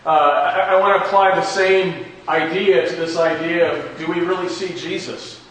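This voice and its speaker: The recording captures a very echoey, large indoor space with faint noise, where a man teaches a casual church Bible class, repeating and rephrasing his questions for emphasis. He speaks on the high side at normal speed, with fairly even intonation and a slightly bright tone.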